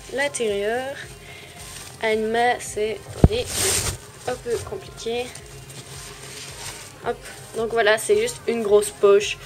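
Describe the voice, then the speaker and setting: A woman's voice: mid-range voice, a little mellow. A woman, casually showing and explaining her things to viewers in an easygoing, self-deprecating way. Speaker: vlogger. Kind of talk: casual show-and-tell.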